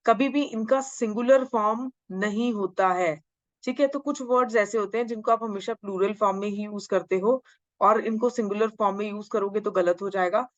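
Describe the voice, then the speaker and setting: Woman teacher, exam-prep grammar lecture, slow drawn-out lines, dry slightly dull sound. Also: medium pitch, no room sound. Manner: mixes Hindi and English, drawls English sentences slowly, asks and answers own questions. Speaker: English teacher.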